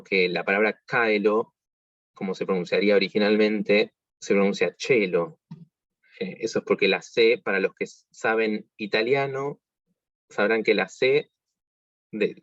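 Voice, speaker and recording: An Argentine man teaches a workshop over a video call, explaining patiently with frequent fillers and self-corrections. His voice sits fairly low, and the sound is dry and dull, like a lo-fi computer microphone. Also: no room sound. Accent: Argentine Spanish. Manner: explanatory, with many fillers and restarts. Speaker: music teacher. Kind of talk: online workshop lesson.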